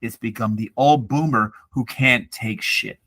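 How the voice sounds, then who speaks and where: A man's voice: mid-range voice, unhurried, dry recording. A man in his forties co-hosting a podcast, ranting and telling stories with lots of swearing. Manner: profane, ranting, animated storytelling. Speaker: podcast co-host. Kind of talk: casual chat.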